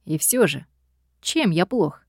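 A woman voicing a domineering male demon boss who speaks in a calm, lazy, mocking way. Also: lowish voice, slow, no room sound, clean studio sound, heavily acted. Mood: smug.

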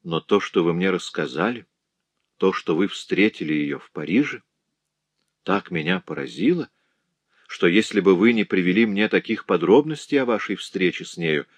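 A man reading a calm, kindly gentleman. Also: deep voice, dry recording. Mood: surprised. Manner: measured, reassuring. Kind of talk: audiobook character voice.

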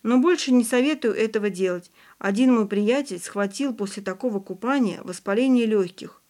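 A woman's voice: a little high, moderate pace, darkish tone, close to an everyday voice. A woman reading the lines of a cheerful, teasing young male student teacher in an audiobook.

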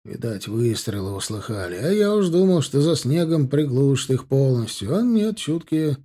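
Sly practical soldier type, muttering, kinda husky, guy voicing him. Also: mid-range voice, sing-song, normal speed, dark tone. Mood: wry. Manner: muttering and offhand.

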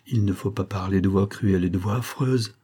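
A man voicing a stout, pompous army major who speaks with slow, false tenderness. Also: low-pitched, mellow, breathy edge. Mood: coaxing. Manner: slow, coaxing, condescending.

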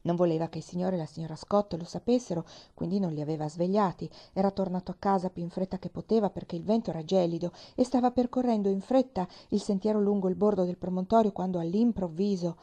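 A woman narrating a children's novel aloud, expressive and sometimes dropping to a whisper. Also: on the low side. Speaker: reader. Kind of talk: audiobook narration.

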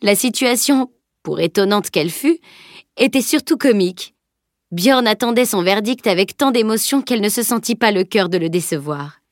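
A woman's voice: medium pitch, expressive, normal speed, no echo, clean studio sound. Woman reading a novel aloud. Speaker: audiobook narrator. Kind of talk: scripted narration.

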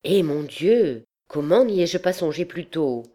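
A woman's voice: deep voice, animated, measured pace, mellow. A woman voicing a teasing, chattering young noble girl.

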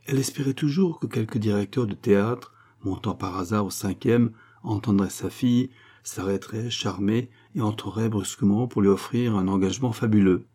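A man narrating a classic novel as an audiobook, reading in a measured, even way. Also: on the low side. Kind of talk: scripted literary narration.

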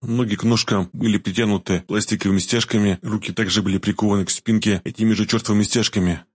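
A man narrating a first-person story in an even, steady reading voice. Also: lowish voice, fast talker, breathy edge, no room sound. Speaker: audiobook narrator.

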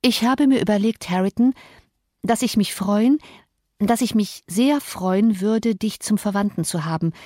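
A woman's voice: medium pitch, unhurried, dark tone, no room sound, close to an everyday voice. A woman reading an audiobook, voicing a proud, hurt young woman who pleads in tearful outbursts, in a dry recording. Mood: pleading. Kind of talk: audiobook character voice.

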